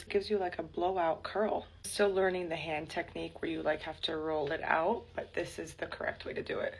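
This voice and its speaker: Husky young woman chatting casually. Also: on the low side, poor audio. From United States. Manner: chatty storytelling, frequent "like". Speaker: vlogger. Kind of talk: casual morning vlog chat. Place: indoors at home while traveling.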